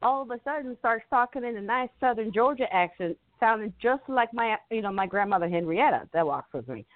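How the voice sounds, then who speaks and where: A woman's voice: fairly high pitch, expressive, a little fast, no room sound. A woman hosting a spiritual talk radio show, chatting casually with a guest, laughing often and dropping affectionate asides. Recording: dry tinny phone-line sound.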